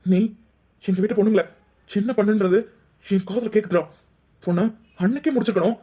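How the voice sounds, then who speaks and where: A rough cartoon thug, as a woman puts him on, speaking fast with a gruff, husky edge. He taunts and threatens. The voice sits in a middling register. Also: medium pitch, mellow, voice pushed down, natural voice. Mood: menacing. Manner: menacing, taunting. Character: vicious young village man, a lecherous thug. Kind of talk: cartoon voice acting.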